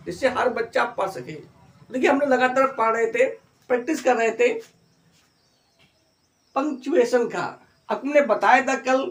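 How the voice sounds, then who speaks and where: A middle-aged man teaching an English grammar lesson, encouraging students and drawing out example phrases slowly. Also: very high voice.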